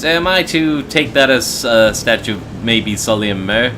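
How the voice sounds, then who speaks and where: A man's voice: mid-range voice, animated, measured pace, background noise. A man doing casual playthrough commentary, muttering to himself and reading the game's text aloud. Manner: muttering asides to himself while thinking.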